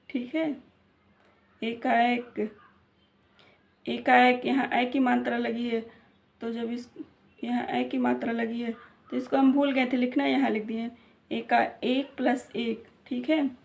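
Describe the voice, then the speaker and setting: A woman teaches a grammar lesson at an unhurried, deliberate pace. Her voice sits a little high and stays flat in tone. She keeps repeating each point, asks short questions and answers them herself. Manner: slow and repetitive, quizzing with questions and answering them; clears throat now and then. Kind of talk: classroom lesson.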